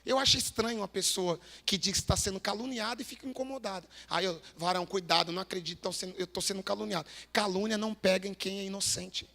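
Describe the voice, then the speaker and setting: A high-pitched, gravelly male preacher with a Brazilian Portuguese accent, thundering an emphatic Pentecostal sermon. His voice rings through a large church hall with a long reverb tail. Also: quick pace, hardly any pauses. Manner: shouting and emphatic, acts out quoted voices. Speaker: pastor.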